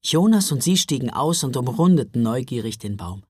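A man narrating a children's Christmas audiobook, expressive storyteller. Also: medium pitch, moderate pace, breathy edge, dry recording, clean studio sound.

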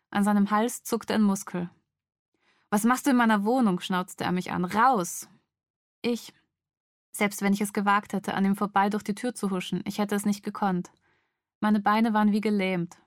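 A woman, an author, reading a tense first-person scene from her novel aloud in a measured, steady way. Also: medium pitch, dry recording, studio quality.

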